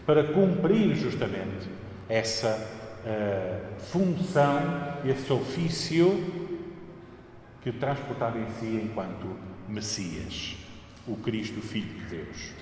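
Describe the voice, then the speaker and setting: A man's voice: medium pitch, big pitch swings, slow pace, darkish tone. A man with a European Portuguese accent preaching a sermon emphatically, repeating phrases for stress, in a large church with cathedral echo. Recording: cathedral-like echo, long reverb, faint noise.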